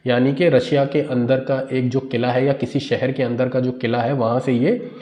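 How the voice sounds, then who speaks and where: Indian man slowly explaining English news. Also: mid-range voice, flat delivery, darkish tone. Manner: reads English lines slowly, then explains word by word. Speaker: English teacher. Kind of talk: explaining a newspaper article in Hindi.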